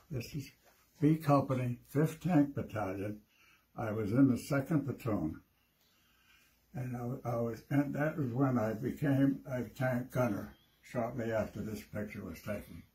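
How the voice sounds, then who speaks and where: An elderly American man, an old veteran remembering his service in a plain, halting way. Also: medium pitch, dark tone. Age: 80s or older. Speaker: World War II veteran. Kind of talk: personal reminiscence.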